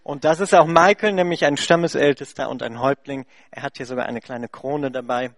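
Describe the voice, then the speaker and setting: A man's voice: mid-range voice, fairly even intonation, fairly quick, dry recording, clean studio sound. A German man who heads a charity, interpreting for a guest and then telling a congregation a story, chatty and full of fillers. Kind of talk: speaking to a church congregation.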